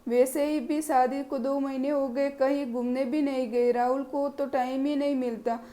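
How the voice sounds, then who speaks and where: A woman's voice: high voice, steady tone, normal speed, mellow, lightly acted. A woman voicing a sly young daughter-in-law who steals from the family.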